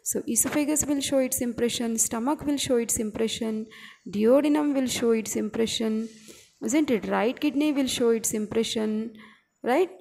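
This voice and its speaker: A woman's voice: on the high side, moderate pace, vocal fry, warm tone, a little hiss or hum. A woman teaching anatomy in a screen-recorded lecture, explaining each point and checking in with "okay" and "isn't it". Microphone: screen-recorder microphone.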